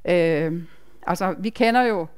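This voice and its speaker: A woman's voice: on the low side, darkish tone, smooth. A woman, a nurse, giving a chatty, emphatic personal testimony to a congregation, with asides to the listeners.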